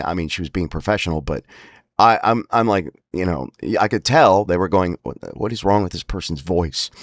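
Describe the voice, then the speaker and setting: In a dry studio-quality recording, a low-voiced man, the host of his own lifestyle series about a voice disorder, tells a wry, casual story. His delivery rambles and is emphatic, and spasmodic dysphonia makes his voice strained and prone to spasmodic breaks.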